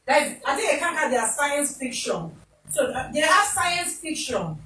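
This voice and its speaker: A woman's voice: high-pitched, sing-song, normal speed, pushed and bright, echoey room, recorded from a distance, slight background noise, poor audio. A Nigerian woman hosting a talk show in a casual, opinionated way, slipping into Pidgin turns of phrase. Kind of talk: casual studio interview.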